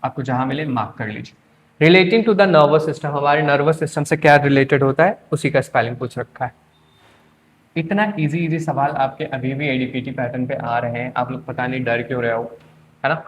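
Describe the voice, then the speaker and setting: A man's voice: mid-range voice, steady tone, fairly quick. A man teaching English for an exam, quizzing students with repeated questions. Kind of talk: exam-prep lecture.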